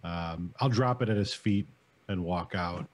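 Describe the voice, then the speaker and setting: Low-voiced man playing a tabletop game. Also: unhurried. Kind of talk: casual chat.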